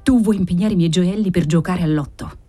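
A woman reading aloud, voicing a fierce, desperate wife who accuses her husband in a sharp, exasperated tone. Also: on the low side, fairly quick, soft background music, close to an everyday voice. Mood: accusing.

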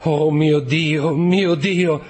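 A man reading an audiobook voices a young sailor locked in a cell, pleading and urgent, with a husky tone. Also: sits high, unhurried, soft background music, voice pushed up. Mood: despairing. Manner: raised, urgent and imploring. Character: young male sailor prisoner, desperate and pleading.

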